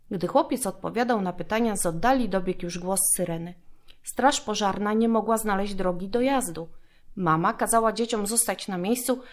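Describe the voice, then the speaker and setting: A woman, a police officer, reading a children's safety story aloud in a clear, expressive voice. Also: medium pitch.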